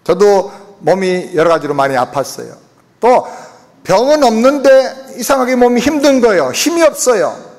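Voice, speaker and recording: A man's voice: high voice, big pitch swings, normal speed, darkish tone. A man preaching a sermon as senior pastor, speaking emphatically to his congregation in a church sanctuary. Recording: long reverb of a church hall.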